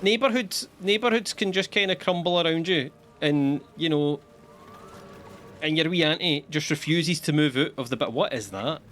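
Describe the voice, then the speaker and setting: A man's voice: fairly high pitch, moderate pace, fairly bright tone, a little hiss or hum. A man joking his way through a live gameplay stream with sarcastic, rambling commentary. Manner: jokey, sarcastic, talks to himself. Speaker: streamer playing a game.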